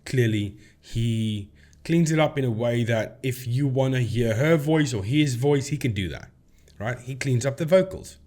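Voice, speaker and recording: A man with a mid-range, slightly mellow voice hosts a video debunking paranormal claims, speaking a little slowly. He makes his points emphatically and repeats phrases for stress as he walks through an on-screen demonstration.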